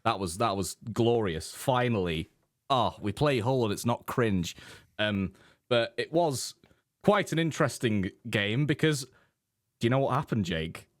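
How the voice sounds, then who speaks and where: Jokey young man, lively pitch. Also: unhurried, no room sound, clean studio sound. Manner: jokey, teasing, laughs often, puts on mock voices. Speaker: podcast co-host. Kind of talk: casual football podcast chat.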